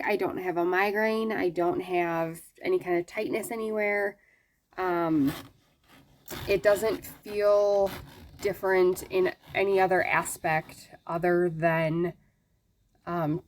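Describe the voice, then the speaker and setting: A woman with a slightly low voice speaks very slowly in a casual vlog update. She sounds weakened after surgery, stopping often and searching for words as she struggles to put sentences together. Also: fairly even intonation, slight background noise. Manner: halting, searching for words, with long pauses. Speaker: vlogger giving a health update. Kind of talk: casual talk to viewers.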